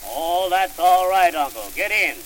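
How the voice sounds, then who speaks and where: A man's voice: high-pitched, lively intonation, a little slow, a bit bright. A man playing a breezy, unbothered American nephew, a matter-of-fact straight man in an early 1900s comic sketch. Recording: hissy, crackling antique record.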